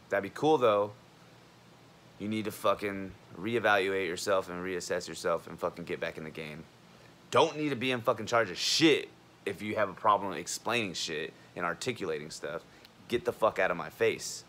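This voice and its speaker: A man's voice: low-pitched, moderate pace, a little hiss or hum. A young man, a college student and army veteran, ranting bluntly and profanely in a heated vlog monologue. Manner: animated, acts out others' lines.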